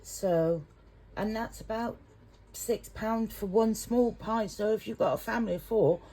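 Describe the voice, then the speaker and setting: In a noisy home recording for her casual cooking vlog, a middle-aged English woman who cooks at home talks at length in her kitchen, chatty and self-aware. Her mid-range voice is dark in tone and unhurried.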